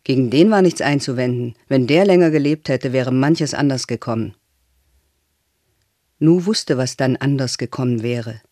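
A man calmly reading a novel aloud as narrator, in a measured way. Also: mid-range voice, no echo, studio quality. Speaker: audiobook reader.

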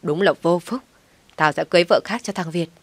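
A woman voicing a sharp-tongued, contemptuous older mother-in-law in an audio story, scolding loudly. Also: low-pitched, steady tone, moderate pace, dry recording.

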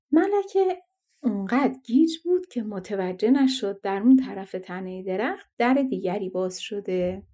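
A woman narrating a fairy tale audiobook with steady, expressive storytelling. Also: mid-range voice.

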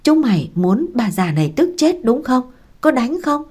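A woman reading the part of a strict, quick-tempered elderly matriarch who gives commands and scolds. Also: fairly low pitch, expressive, a little mellow. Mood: furious.

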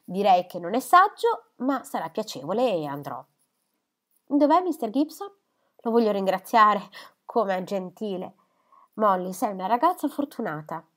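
A woman with a mid-range voice voices a lively, impulsive young woman in a storybook reading, sounding eager and quick to brighten. The performance is lightly acted.

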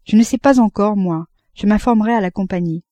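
A woman's voice: medium pitch, brisk, warm tone, no echo, lightly acted. Woman reading as a curt young doctor. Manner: curt, clipped replies. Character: stern bitter young male doctor.

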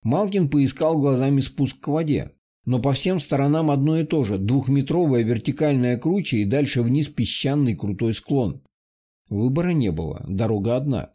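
A man narrating an adventure audiobook in a steady storytelling manner. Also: mid-range voice, normal speed. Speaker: audiobook reader. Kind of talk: scripted narration.

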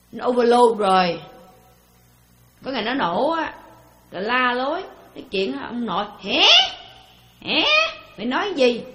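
A woman gives a Buddhist dharma talk. Her voice sits a little high, and she keeps it conversational, often asking her listeners questions. The room around her rings with noticeable echo. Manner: conversational, full of rhetorical questions. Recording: roomy echo.

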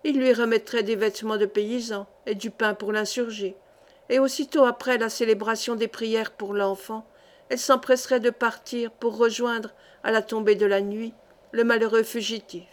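A woman's voice: on the high side, steady tone. Woman narrating a story. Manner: measured, clear storytelling. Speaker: audiobook reader. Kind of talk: audiobook narration.

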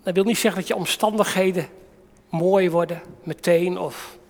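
A man preaching a sermon dramatically, acting out quotes with sudden shifts between soft and loud. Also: high voice, fairly even intonation, moderate pace. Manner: dramatic, with acted-out quotes and big swings in loudness. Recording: long reverb of a large hall.

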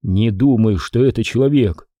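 A man reading an audiobook, voicing a calm, evasive young man who speaks slowly and hesitantly. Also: mid-range voice, dry recording, studio quality, lightly acted. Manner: slow, hesitant.

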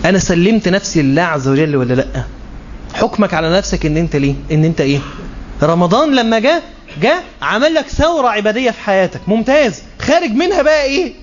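A man with an Egyptian Arabic accent giving a colloquial religious talk as a preacher, animated and acting out quick back-and-forth dialogues. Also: sits high, dull audio, a little hiss or hum.

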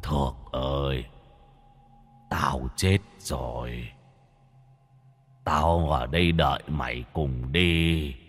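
The ghost of a dead old man, calling out in a deep, hollow drawl that stretches every word, as a male narrator puts him on. The voice sits far lower and quieter than the telling around it, a slow and menacing beckoning from a horror audio story, with faint music underneath. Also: breathy edge, big-room sound, heavily acted. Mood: eerie, beckoning. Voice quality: low, hollow, drawn-out calling.

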